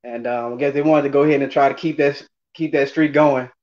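A man's voice: mid-range voice, fairly even intonation, brisk, a little mellow. New Orleans man, muffled video call. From New Orleans, Louisiana. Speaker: interview guest, former college running back. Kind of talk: casual interview chat. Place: indoors, remote video call. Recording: dull lo-fi video call audio.

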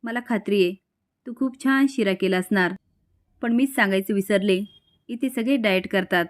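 A woman's voice: mid-range voice, normal speed, lightly acted. A woman narrator voicing a scheming older mother-in-law who sounds sweet but threatens underneath, in a storytelling recap. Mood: falsely sweet.

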